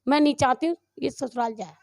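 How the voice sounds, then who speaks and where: Speaking quickly in a high, darkish voice, a middle-aged woman tells a reporter on the street about the dowry abuse her daughter endured. Her testimony is emotional and meandering, with many restarted sentences, and the sound is clean studio audio with no room echo.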